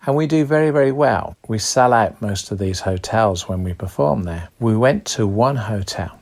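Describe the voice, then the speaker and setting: Low-voiced man recounting events. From Birmingham, England. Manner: plain, steady storytelling. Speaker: blind professional entertainer. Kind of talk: recorded personal account.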